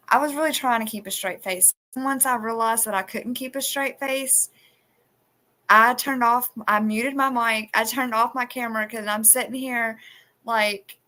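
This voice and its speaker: A woman's voice: on the high side, bright, forceful tone. A woman hosting a live stream, chatting casually and rambling with many restarts. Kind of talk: casual chat. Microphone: phone.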